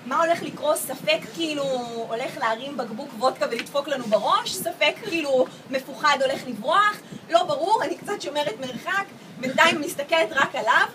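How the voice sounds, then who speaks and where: A woman telling a story to a gathering in a casual, animated way, acting out what people said. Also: high-pitched, noisy background. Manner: lively, acts out quoted voices with laughter. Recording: distant mic with loud crowd chatter. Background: crowd of people talking.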